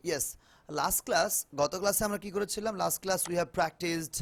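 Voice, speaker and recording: Slow-talking Bengali-accented male teacher. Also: high voice. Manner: mixes Bengali and English, repeats words slowly for students. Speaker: English teacher. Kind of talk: online spoken English class. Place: video call.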